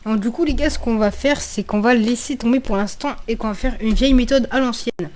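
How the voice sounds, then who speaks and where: On the higher side and a little mellow, a woman talks a bit fast through her let's play. As a gaming video creator she keeps it casual and slangy, swears freely, and thinks aloud, repeating herself.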